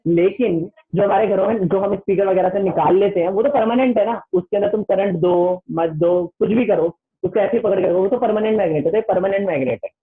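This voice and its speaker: A man teaching an online class with a Hindi accent, chatty and repetitive, reading the textbook aloud slowly in English. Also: high voice. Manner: chatty, keeps saying "listen carefully", reads the textbook slowly in English. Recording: tinny phone-like online class audio.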